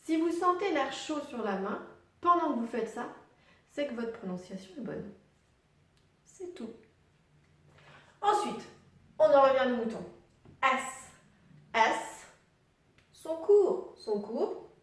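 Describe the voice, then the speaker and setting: A woman teaching English pronunciation online, spelling out letter sounds slowly and patiently and putting questions to the viewer. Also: high voice, big pitch swings, far from the mic. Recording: very echoey room, voice set back from the mic.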